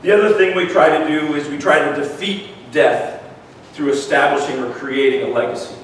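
A man's voice: a little high, steady tone, moderate pace. A man with a weak, thin voice preaching in a conversational style, repeating words and checking for agreement as he goes. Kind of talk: conversational sermon. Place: large echoey room, worship gathering. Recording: echoey room, distant mic, faint noise.

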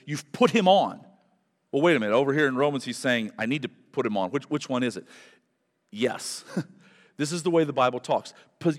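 A male pastor preaching a sermon at a pulpit microphone in a church, emphatic and building to fervent repetition. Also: sits high. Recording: long hall reverb from a church.

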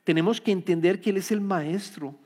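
A man's voice: sits high, a little fast, darkish tone, slightly rough. A man preaching an earnest Bible-study sermon, repeating key phrases and restarting words as he explains. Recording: long hall reverb.

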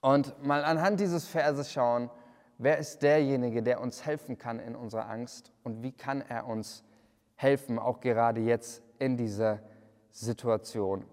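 A man's voice: mid-range voice, fairly even intonation, unhurried, darkish tone, in a large hall. A man preaching a livestreamed sermon, earnest, often repeating words and restarting his sentences. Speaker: pastor.

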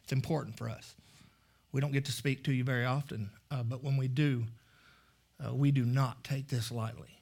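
A man preaching a sermon in a church, speaking candidly, with many halting restarts. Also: mid-range voice, fairly even intonation, creaky, darkish tone. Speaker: guest preacher. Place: church sanctuary.

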